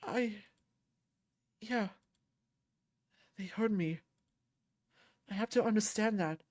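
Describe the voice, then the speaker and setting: A woman's voice: medium pitch, slow pace, dry recording, studio quality. Woman voicing a tearful young male fighter. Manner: quiet, hesitant and shaky.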